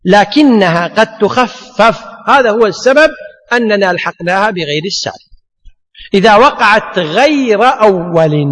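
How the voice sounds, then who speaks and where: A man's voice: sits high, a bit bright. A man teaching a grammar lesson, asking rhetorical questions and answering them himself. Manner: emphatic, drills rules by repetition. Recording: long hall reverb.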